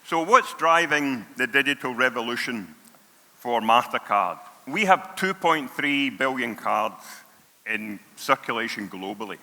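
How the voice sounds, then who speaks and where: A man's voice: medium pitch, expressive, a little slow, pushed and bright. A man with a broad Scottish accent giving a conference presentation in an emphatic way, often repeating words for stress. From Scotland. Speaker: conference speaker, payments product lead. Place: on stage in a large hall. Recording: reverberant large hall sound.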